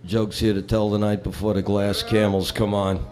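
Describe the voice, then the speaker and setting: A man's voice: lowish voice, level tone, moderate pace, music in the background. A man performing a live comedy set, telling bar jokes with rambling, wisecracking patter between them.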